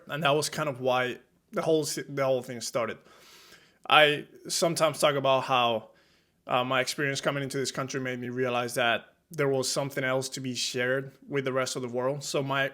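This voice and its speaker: A young man from Spain whose first language is Spanish talks in English with a Spanish accent, hosting a solo podcast. His delivery is loose and reflective, full of fillers and restarts, at a mid pitch for a man. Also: a bit bright. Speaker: podcast host, strength coach.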